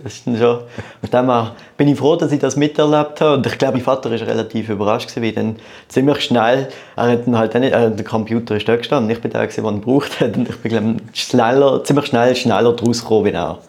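Speaking fast in a medium-pitched, creaky voice with a darkish tone and fairly even intonation, this thirtysomething man has a Swiss German accent. He's a start-up entrepreneur guesting on a podcast, chatting casually and frequently repeating words.

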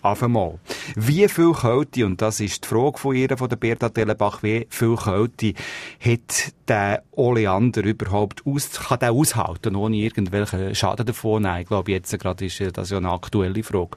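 A man with a Swiss German accent and a fairly low, darkish voice hosts a radio advice show, speaking at a normal speed into a studio microphone with no room sound. He reads listener questions aloud in a chatty, joking way.

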